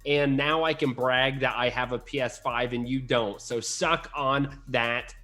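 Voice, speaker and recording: A young man co-hosting a gaming podcast, excitable and teasing in casual banter. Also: medium pitch, unhurried, soft background music. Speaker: podcast co-host.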